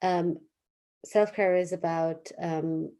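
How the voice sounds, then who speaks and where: A woman's voice: on the low side, steady tone, takes it slowly, mellow. A woman therapist being interviewed, talking casually with many fillers and restarts and vivid images. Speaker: therapist guest.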